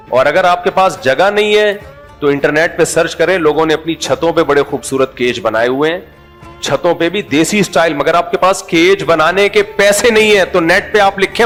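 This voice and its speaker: A middle-aged male preacher with a Pakistani Urdu accent, his voice pitched a little high. He talks to his listeners in a relaxed, joking way and keeps asking them questions. Faint music plays under the speech. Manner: conversational, humorous, asks audience questions. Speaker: Islamic preacher. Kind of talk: sermon.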